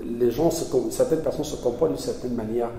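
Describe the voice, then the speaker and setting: A man's voice: medium pitch, fairly quick, warm tone. A man being interviewed as an essayist, speaking earnestly and hesitantly, often restarting his phrases. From Belgium. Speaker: essayist guest. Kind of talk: conversational interview. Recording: echoey hall from far off.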